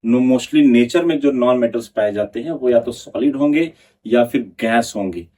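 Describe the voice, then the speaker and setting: Husky-voiced man teaching, slightly off-mic. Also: mid-range voice, dark tone, distant mic. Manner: reads English notes slowly, then explains in Hindi; asks the class questions and answers them himself. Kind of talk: exam prep lecture.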